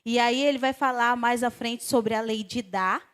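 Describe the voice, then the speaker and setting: High-voiced woman preaching with fervor. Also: fairly even intonation, normal speed, clear, resonant tone. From Brazil. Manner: emphatic, storytelling, voice swings high and loud on exclamations. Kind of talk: sermon with testimony.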